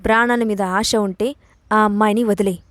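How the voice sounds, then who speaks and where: A woman's voice: mid-range voice, fairly even intonation, moderate pace, no echo, close to an everyday voice. A woman voicing an arrogant, powerful young man who speaks in a cocky, clipped way.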